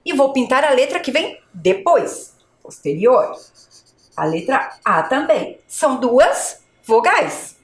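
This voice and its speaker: A Brazilian woman teaching a video lesson to young children, with slow, clear, exaggerated pronunciation. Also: sits high, big pitch swings. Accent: Brazilian Portuguese. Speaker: primary school teacher. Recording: echoey room.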